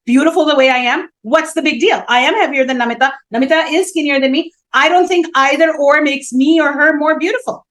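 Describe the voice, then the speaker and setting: Woman co-host, high-pitched, lively storyteller, casual chat. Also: brisk, few pauses, low-quality recording. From India. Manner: animated, storytelling, emphatic. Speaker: talk show co-host.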